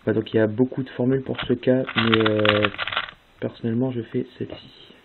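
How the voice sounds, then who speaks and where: This young man speaks briskly in a mid-range voice with little pitch movement, hosting a speedcubing tutorial. He casually lays out a puzzle method step by step, reciting move sequences with fillers, on tinny phone-like audio with faint hiss.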